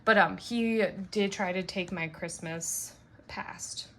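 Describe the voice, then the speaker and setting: A woman who makes and sells wax melts, reviewing scents in a chatty, rambling way full of fillers and bubbly excitement. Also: fairly low pitch, slow, slight background noise. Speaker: wax melt maker and shop owner.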